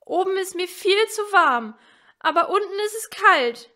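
A woman voicing a frightened little girl who whines and pleads in a high voice. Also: expressive, measured pace, sharp tone, exaggerated voice. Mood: whining. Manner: high whimpering pleas. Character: small girl stuck, whining and scared.

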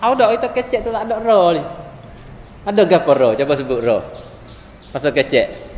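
High-voiced Patani Malay teacher in echoey hall. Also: male voice, fairly quick. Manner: animated, repeats sounds for students, chuckles often. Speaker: Quran recitation teacher. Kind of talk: classroom teaching. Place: classroom. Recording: echoey hall with faint background noise.

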